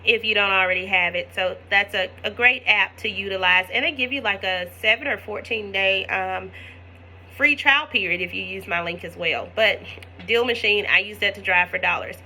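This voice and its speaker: A woman's voice: medium pitch, normal speed, bright, forceful tone, slight background noise. A woman, teaching real estate wholesaling in a chatty, folksy tutorial vlog with asides to her viewers.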